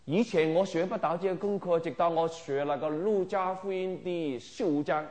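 A middle-aged man with a slightly high voice delivers an emphatic sermon. He presses his listeners with rhetorical questions, shifting from loud exhortation to quiet asides. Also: normal speed. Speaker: preacher.

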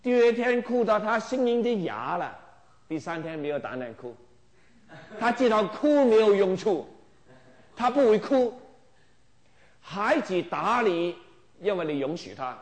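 A middle-aged man with a slightly high voice delivers an emphatic sermon. He presses his listeners with rhetorical questions, shifting from loud exhortation to quiet asides. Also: big pitch swings, measured pace, long pauses. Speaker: preacher.

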